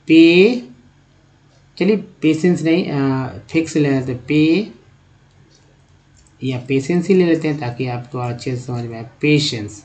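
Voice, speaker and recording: A man's voice: a little high, a little mellow. A man teaching English spelling and pronunciation in a spoken lesson, explaining step by step and putting questions to the viewer. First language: Hindi.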